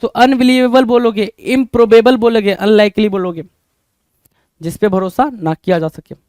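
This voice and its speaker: High-voiced Indian man teaching vocabulary. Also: steady tone, moderate pace, darkish tone, no echo. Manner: keeps asking the class rhetorical questions, calls them "bhai". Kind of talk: exam-prep vocabulary lesson.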